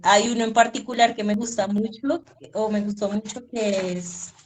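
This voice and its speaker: A woman's voice: mid-range voice, steady tone, moderate pace, a little hiss or hum. A woman telling a story in a casual, rambling way, full of fillers and restarts. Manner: chatty, rambling, many fillers like 'como que'. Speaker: reader and guest. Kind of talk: casual conversation.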